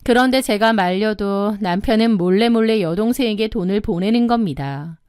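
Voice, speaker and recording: A woman in her thirties telling a first-person story in a measured, indignant way. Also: medium pitch, a little mellow, smooth, no echo, studio quality. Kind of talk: scripted first-person narration.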